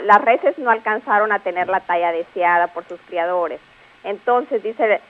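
A woman giving a grammar lesson on a radio show, quizzing her co-host and explaining patiently. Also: fairly high pitch. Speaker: language teacher on a radio show. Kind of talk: radio spelling and grammar segment. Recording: dull lo-fi radio broadcast.

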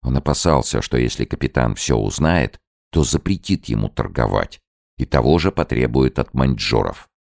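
A man narrating an audiobook in a measured storytelling voice. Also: extremely low pitch, animated, creaky, a little mellow, dry recording, studio quality. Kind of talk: scripted narration.

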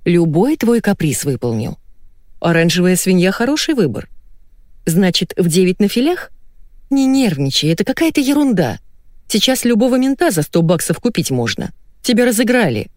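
A woman reading an audiobook, voicing a smooth-talking husband who coos and placates his wife. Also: mid-range voice, sing-song, moderate pace, darkish tone, dry recording, clean studio sound, natural voice. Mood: placating. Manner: cooing, placating. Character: smooth-talking husband, adult man, soothing.

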